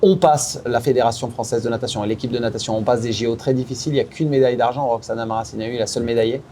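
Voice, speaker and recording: A man in his forties, a former Olympic swimmer and podcast guest, telling long stories in a quick, chatty way. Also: mid-range voice, a little hiss or hum. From France. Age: 40s. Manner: animated storyteller, quick and chatty. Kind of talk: conversational podcast interview.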